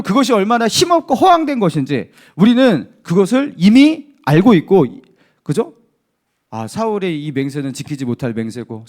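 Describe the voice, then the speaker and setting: Male pastor, emphatic Sunday sermon voice, pitched high with lively rises and falls. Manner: emphatic preaching with rhetorical questions to the congregation.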